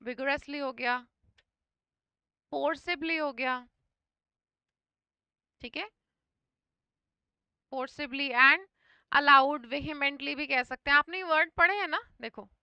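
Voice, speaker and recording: A woman's voice: high voice, slow pace, long pauses, sharp tone, no echo. A woman teaching English vocabulary for an exam in Hindi, mixing in English words and often checking in with her students. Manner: often repeats "thik hai" to check understanding.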